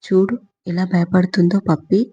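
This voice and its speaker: A woman's voice: fairly low pitch, level tone, normal speed, warm tone, breathy edge. A woman voicing a protective middle-aged father who is firm with his wife and soothing to his daughter, in a storybook reading. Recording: muffled lo-fi recording.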